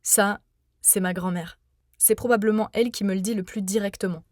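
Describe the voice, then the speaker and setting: A young woman from France narrating her own podcast in an earnest, measured, personal way. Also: mid-range voice, steady tone, a little mellow, no room sound, clean studio sound. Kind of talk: scripted first-person narration.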